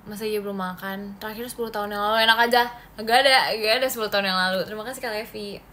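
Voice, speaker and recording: Bright, giggly young woman livestreaming. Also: medium pitch, steady tone, very fast, a little hiss or hum. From Indonesia. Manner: giggly, chatty, answers comments. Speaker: idol livestream host. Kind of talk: casual chat with viewers.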